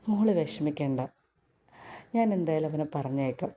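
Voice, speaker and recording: A woman's voice: deep voice, lively intonation, moderate pace, warm tone, voice pushed down. A woman voicing a kind, doting mother-in-law who soothes and reassures. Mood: soothing. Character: kindly doting middle-aged mother-in-law.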